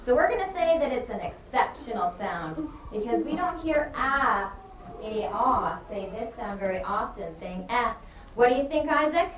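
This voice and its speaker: A woman teaching a phonics lesson to young children, leading lively sing-song drills in a classroom. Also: on the high side, moderate pace. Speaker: grade two teacher. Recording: echoey room, far from mic, noisy.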